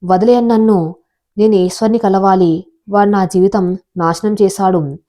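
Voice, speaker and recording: A woman voicing a distraught, jilted young woman who shouts accusations. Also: medium pitch, fairly even intonation, moderate pace, lightly acted. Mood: desperate accusing.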